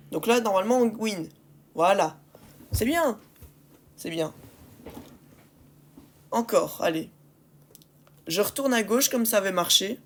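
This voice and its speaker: Exasperated woman commentating on gameplay. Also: medium pitch. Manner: exasperated, ranting at teammates; repeats phrases and rhetorical questions for emphasis. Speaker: gaming video creator commentating on match replays.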